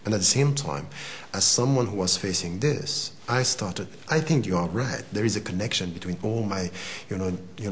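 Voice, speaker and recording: A man in his forties from Switzerland, whose first language is Arabic, answers interview questions thoughtfully and hesitantly, often repeating words. His voice is low-pitched, with a little hiss or hum in the audio.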